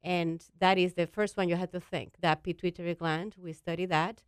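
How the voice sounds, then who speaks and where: A woman's voice: lowish voice, steady tone, normal speed, clean tone, dry recording. A woman from the Dominican Republic, a doctor explaining things patiently, step by step, as a guest on a talk show. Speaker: endocrinologist guest.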